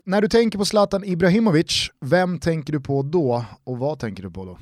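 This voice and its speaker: A man's voice: on the high side, no room sound, clean studio sound. A man in a casual podcast chat who asks questions and muses aloud while laughing along with the others.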